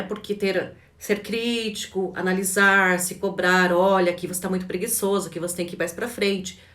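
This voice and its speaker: A woman with a Brazilian Portuguese accent giving a live online class as a coach. She talks conversationally, ends nearly every phrase with a questioning tag, and often restarts her words. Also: mid-range voice. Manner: frequent restarts and repeated words. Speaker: behavioral coach. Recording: roomy, distant mic.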